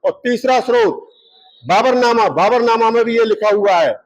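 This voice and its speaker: A man's voice: extremely high pitch, moderate pace, lo-fi sound. A local party leader, a man, giving a press statement to reporters and arguing his case by citing book page numbers. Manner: argumentative, cites book pages as proof.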